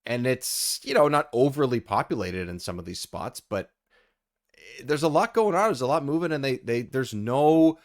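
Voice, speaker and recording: A man's voice: medium pitch, expressive, normal speed, dry recording, clean studio sound. A man chatting casually on a gaming podcast, rambling with lots of ums and frequent laughter. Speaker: podcast panelist.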